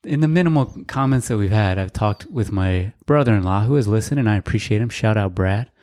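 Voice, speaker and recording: Laid-back man on a podcast, low voice. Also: expressive, a little fast, a little mellow. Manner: laid-back, dry, rambling with fillers. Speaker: podcast co-host. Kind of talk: casual chat.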